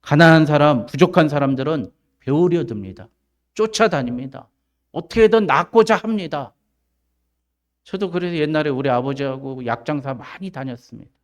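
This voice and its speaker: A male pastor with a Jeolla accent delivers an emphatic sermon. His pitch swings widely between low, quiet asides and raised exclamations. He drives his points home with rhetorical questions and quick "eh?" prompts. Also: lively intonation. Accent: Jeolla Korean. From South Jeolla, Korea.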